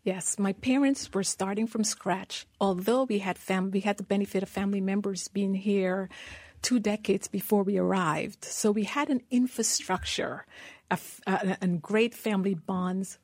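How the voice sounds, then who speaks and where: A middle-aged woman from Guyana speaks as an interview guest, recounting her life in an earnest, storytelling way. Her voice sits in a middle pitch, recorded dry and close. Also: moderate pace, a little mellow, no echo. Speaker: guest, managing director. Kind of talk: interview conversation.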